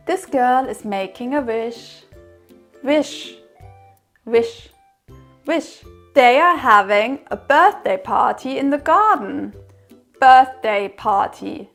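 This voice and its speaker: A woman speaks in the manner of someone reading to a toddler, with a very animated, swooping pitch. She goes extremely slowly, repeating words in a sing-song, encouraging way so small children can copy her. Faint music plays behind her voice. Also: creaky. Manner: exaggerated, encouraging questions. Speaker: presenter of a toddler learning show.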